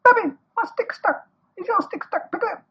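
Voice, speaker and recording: Tiny squeaky excitable animal child. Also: male voice, normal speed. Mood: excited, eager. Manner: breathless excited childish chatter. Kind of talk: children's storybook character voice. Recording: dull lo-fi recording.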